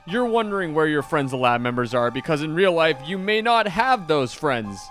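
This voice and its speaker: Over background music, a man who loves anime hosts a scripted commentary video with an enthusiastic, dramatically emphasized delivery. His voice is on the high side and a bit bright, swinging widely in pitch at a normal speed.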